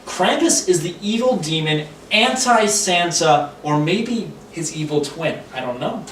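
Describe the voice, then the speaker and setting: A man's voice: fairly high pitch, lively intonation, a little slow, fairly bright tone, slight background noise. Young man, echoey room, far mic. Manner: rambling, reads facts aloud. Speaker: podcast co-host. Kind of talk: casual chat.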